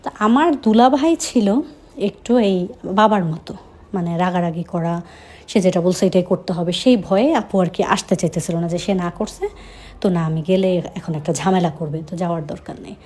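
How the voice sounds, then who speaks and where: A woman's voice: fairly low pitch, moderate pace, mellow. A young woman from Chittagong with a slight Chittagong Bengali accent, telling a first-person story in a conversational way with frequent hesitations. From Chittagong, Bangladesh.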